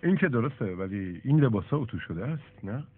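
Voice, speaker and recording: Guy voicing a timid servant, hushed and placating, lively pitch, tinny noisy sound. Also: loud music behind the voice, natural voice. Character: timid cautious male village servant. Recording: tinny phone-like film dub with noise.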